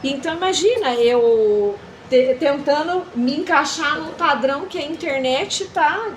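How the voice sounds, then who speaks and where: A woman's voice: sits high, animated, measured pace, background noise. A Brazilian woman talking earnestly as a mentor, teaching about faith and womanhood. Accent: Brazilian Portuguese. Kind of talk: casual faith-based chat.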